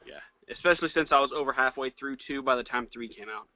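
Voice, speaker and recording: A man's voice: mid-range voice, fast talker, pushed and bright. A man chatting easily on a podcast about his gaming. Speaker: podcast guest. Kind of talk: casual chat. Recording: dull lo-fi recording.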